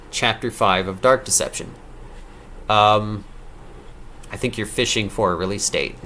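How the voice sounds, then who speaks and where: A man's voice: mid-range voice, a bit bright, a little hiss or hum. A man in his thirties, a game developer on a casual live-stream Q&A, answering viewer questions late at night, rambling and correcting himself as he goes. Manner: rambling, self-correcting, reads donor questions aloud.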